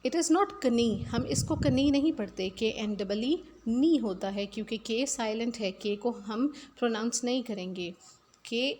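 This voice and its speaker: A woman teacher walks her pupils through a lesson in a fairly high voice, slowly repeating each key word. A faint room hum sits behind her. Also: darkish tone. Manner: slow, explanatory, repeats key words. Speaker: English teacher. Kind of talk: recorded classroom lesson.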